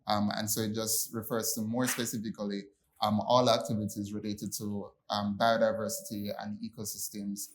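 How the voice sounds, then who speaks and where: Low-voiced young man from Jamaica. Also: normal speed, a little hiss or hum. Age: young adult. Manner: relaxed, many ums and restarts. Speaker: panelist. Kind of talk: panel discussion.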